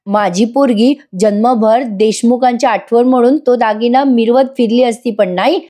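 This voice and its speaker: A woman's voice: on the high side, steady tone, moderate pace, mellow, voice pushed up, natural voice. A woman voicing a bitter, sarcastic middle-aged aunt who complains and taunts. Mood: bitter taunting.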